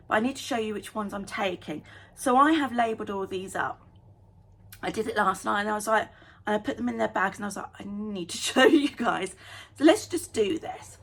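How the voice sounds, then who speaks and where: A woman vlogging in a casual, chatty way, talking fast and getting excited about small things. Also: mid-range voice, creaky, breathy edge. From United Kingdom. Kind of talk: casual vlog chat.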